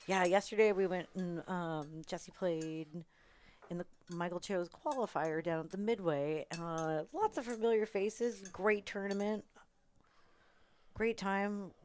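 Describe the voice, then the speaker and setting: Lower-voiced woman, bubbly pool commentator. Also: a little slow, darkish tone. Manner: bubbly, laughs often, reads out chat names. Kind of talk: relaxed live match commentary.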